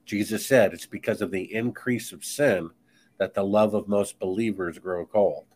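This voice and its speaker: A man's voice: lowish voice, normal speed, darkish tone, slight background noise. A man speaking as a guest author in a podcast conversation, talking in an emphatic, insistent, preachy way.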